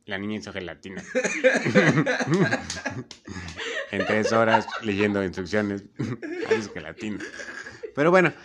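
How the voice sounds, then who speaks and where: A young man with a Mexican Spanish accent tells funny stories in casual conversation, animated and laughing as he acts out the voices. His voice is lowish and his pace slow with frequent pauses, and there's heavy background noise.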